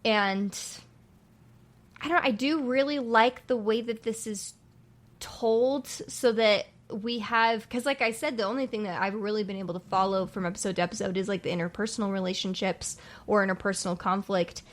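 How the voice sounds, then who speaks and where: A woman in her twenties chatting casually as a podcast co-host. She rambles and searches for her words. Her voice sits in a middle pitch. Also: steady tone, moderate pace. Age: 20s. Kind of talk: casual chat.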